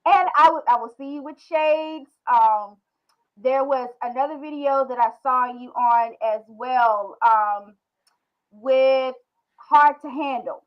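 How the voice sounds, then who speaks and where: A woman hosting an interview, asking casual, enthusiastic questions in relaxed slang. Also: high-pitched, takes it slowly, muffled recording. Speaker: interviewer, host.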